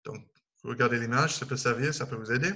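A man's voice: medium pitch, fast, sharp tone. A man teaching a recorded online English lesson, explaining step by step and counting down aloud for his learners.

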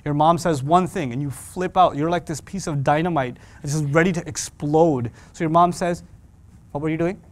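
Animated, joking male Quran teacher. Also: on the high side, moderate pace, hardly any pauses. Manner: animated, jokey, acts out little scenes. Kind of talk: Islamic lecture to youth.

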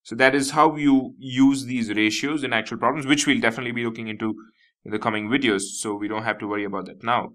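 Indian English male math tutor, bright tone, patient explaining with frequent "you know". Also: medium pitch, steady tone, fast. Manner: explanatory, repeats key terms, frequent "nothing but" and "you know". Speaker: math teacher. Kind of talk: whiteboard math lesson.

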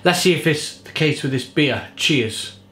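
In an echoey kitchen, a man in his thirties gushes about a beer to a table-mounted camera. His voice is a little high and fairly bright, animated but a little slow, and his chatty delivery is peppered with restarts and fillers.

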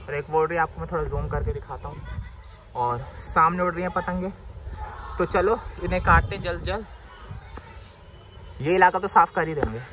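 Filming on a phone camera from near to a few metres away, a vlogger in his 20s gives casual, animated running commentary outdoors on a city rooftop, repeating phrases often. His voice sits high with a sharp tone, amid the noise of people, voices and the city around him.

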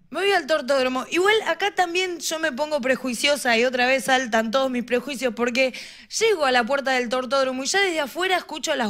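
High bright Argentine stand-up woman. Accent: Argentine Rioplatense. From Morón, western Greater Buenos Aires, Argentina. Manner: quick, chatty, laughing at her own jokes. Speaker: stand-up comedian. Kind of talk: live stand-up comedy.

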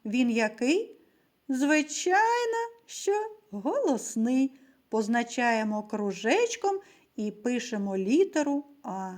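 A woman teaching a video reading lesson for young children, speaking clearly and patiently and addressing them directly. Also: on the high side, sing-song, takes it slowly, a little mellow. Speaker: primary school teacher.

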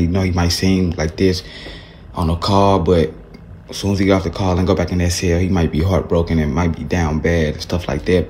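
A man's voice: sits low, a little mellow, slight background noise. A man hosting a casual rap news commentary in slangy, conversational talk, often tagging phrases with "man". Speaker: YouTube channel host.

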